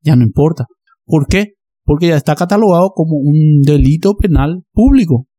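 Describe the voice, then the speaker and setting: A man's voice: on the high side, expressive, moderate pace, dark tone, husky, no room sound. A man, explaining a topic in a casual discussion and often checking that listeners follow. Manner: explanatory, checks in with "¿verdad?" and "¿entendés?".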